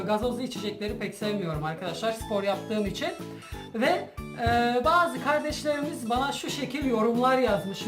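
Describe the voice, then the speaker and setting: A woman chatting casually to her viewers as a challenge host, animated and giggly, trying not to laugh. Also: sits high. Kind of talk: casual vlog chat to viewers. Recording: roomy echo, music behind.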